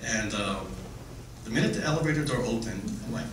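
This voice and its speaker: A man's voice: mid-range voice, animated. Faltering, tender man's eulogy in an echoey room. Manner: halting, faltering, tender delivery. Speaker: grandson giving a eulogy. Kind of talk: informal personal eulogy with family anecdotes. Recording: echoey room, distant mic, clear background noise.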